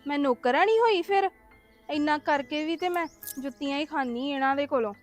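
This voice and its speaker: A woman's voice: high-pitched, fairly quick, soft background music, lightly acted. A woman playing a defensive, put-upon young daughter-in-law in a family web drama, complaining and talking back. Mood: aggrieved.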